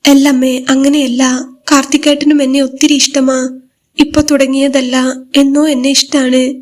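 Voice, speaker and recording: A woman's voice: high voice, little pitch movement, a little slow. A woman voicing a shy, heartbroken young servant's daughter in a spoken story, pleading and restrained. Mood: pleading, tearful.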